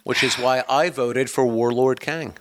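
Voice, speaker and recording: A man's voice: medium pitch, steady tone, measured pace, noisy background. A man chatting casually as a podcast co-host, sarcastic and swearing freely in comic banter. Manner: foul-mouthed, sarcastic.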